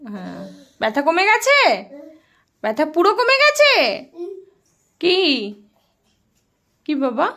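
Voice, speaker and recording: Young Bengali-accented mother narrating a home vlog, high and very animated, coaxing a toddler. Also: slow pace, long pauses. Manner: coaxing, sing-song talk to a toddler, swinging from lively to hushed asides. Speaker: vlogger filming her young son. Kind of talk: casual family vlog narration and talk to a child.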